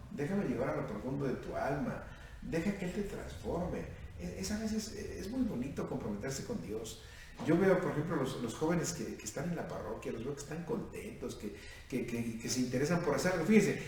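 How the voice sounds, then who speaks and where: A man's voice: mid-range voice, a little mellow. A Mexican priest in his fifties with a Mexican accent, preaching a sermon at a youth retreat, questioning his listeners and calling them "mijo". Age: 50s. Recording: echoey room from far off, faint noise.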